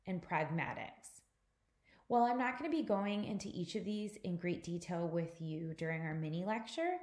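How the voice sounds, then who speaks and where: A woman instructor talks through a recorded mini lecture at a mid-range pitch. She explains patiently and speaks straight to her students. The room gives her voice a noticeable echo. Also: darkish tone. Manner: patient explanatory teaching, addressing students directly. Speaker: course instructor.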